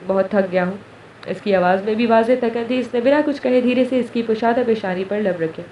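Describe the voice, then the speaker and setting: Woman narrator reading a romance story, steady delivery; distant mic, faint room ambience. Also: a little high, fairly quick, echoey room, a little hiss or hum. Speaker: story reader. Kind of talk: reading a romance novel aloud.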